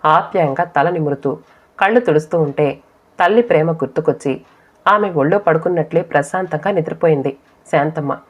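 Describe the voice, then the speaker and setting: A woman narrating a story audiobook in a steady, measured reading. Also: low voice. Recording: dull lo-fi audio.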